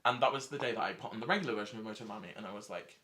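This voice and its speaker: A man co-hosting a casual podcast chat, talking fast and gushing with lots of "like" and "um". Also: lowish voice, bright, forceful tone, a little hiss or hum. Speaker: podcast co-host.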